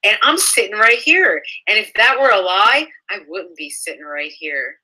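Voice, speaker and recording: On a low-quality recording, a young woman's mid-range voice comes across animated, bright, and forceful. She reads online comments and fires back in a sarcastic, indignant, profane rant, often stumbling and starting over.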